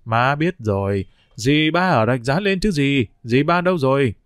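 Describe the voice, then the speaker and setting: A man's voice: mid-range voice, expressive, moderate pace, smooth, no echo, clean studio sound, close to an everyday voice. A man voicing an anxious middle-aged wife. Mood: stern.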